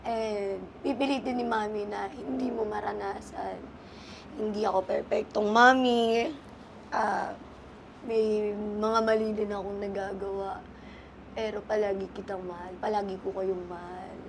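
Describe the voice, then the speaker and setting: A woman's voice: medium pitch, steady tone, measured pace, gravelly, background noise. A young adult woman speaking earnestly as a guest on a talk show, mixing English into Tagalog. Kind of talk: emotional interview talk.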